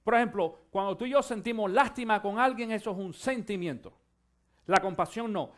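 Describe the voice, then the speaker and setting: A male pastor preaching a sermon, shifting from quiet musing to loud, fervent exhortation and urging his listeners to listen. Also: high voice, brisk. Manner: addresses listeners directly, urging them to listen.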